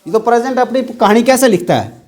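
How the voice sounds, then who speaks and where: A man's voice: extremely high pitch, animated, quick pace, a little mellow. A man teaching an English grammar class, asking the students questions and repeating the key words.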